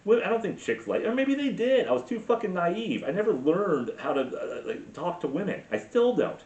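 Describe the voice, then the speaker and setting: A man in his forties, a podcast host, rambles alone in his garage in a profane, self-mocking solo monologue. His voice sits high and a little mellow, with big pitch swings and a moderate pace. Captured on a camera mic, the sound is roomy, dull, and lo-fi.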